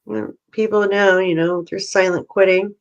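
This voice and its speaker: A middle-aged woman co-hosting a casual chat, telling animated stories and acting out both sides of a phone call. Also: medium pitch, normal speed. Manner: animated storyteller, acts out phone calls. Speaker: podcast co-host.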